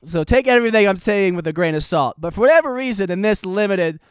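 A young man in his late twenties hosts a casual podcast, telling a story in a rambling, joking, self-deprecating way. His voice sits a little high for a man and sounds smooth and clean. He is slightly out of breath, and the recording is dry and close. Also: animated, fast, dry recording. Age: 20s. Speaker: podcast host.

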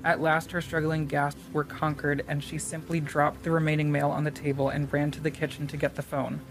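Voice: medium pitch, little pitch movement, over music, rough recording. A podcast co-host reading a creepy story aloud, then chatting casually and laughing often. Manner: laughs often, drawn-out emphasis.

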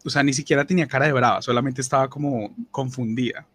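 Colombian dude telling a story, lots of energy, kinda husky voice. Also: male voice, fast. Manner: animated, swearing, mimics others in higher voices. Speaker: podcast host. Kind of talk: casual storytelling.

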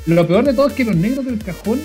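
A man's voice: extremely high pitch, animated, fast talker, warm tone, soft background music. A middle-aged Chilean man hosting a podcast in casual, slangy conversation. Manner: colloquial, slangy. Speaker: podcast host. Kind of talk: casual chat.

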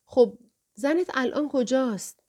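A woman voicing a calm, reserved young café waitress who asks polite, matter-of-fact questions in an audiobook. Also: sits high, voice pushed up. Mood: composed. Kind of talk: audiobook character voice.

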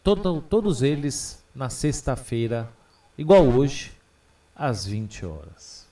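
A Brazilian man hosting a radio show with dramatic, deliberate announcer delivery of a scripted introduction. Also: a little high, a little mellow, distant mic.

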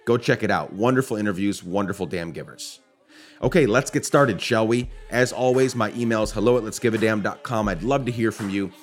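In a casual podcast interview in Nashville, a male host with a fairly low voice talks fairly quickly. He's enthusiastic and effusive, often stumbling and restarting his sentences.

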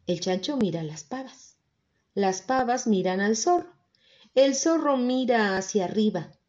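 A woman reading a children's story aloud, calm and expressive. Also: on the high side, unhurried, lo-fi sound. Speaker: narrator.

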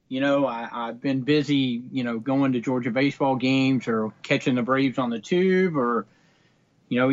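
A man's voice: medium pitch, dull audio. Easygoing middle-aged man. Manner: easygoing, rambling, many fillers. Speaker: podcast co-host. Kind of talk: casual chat.

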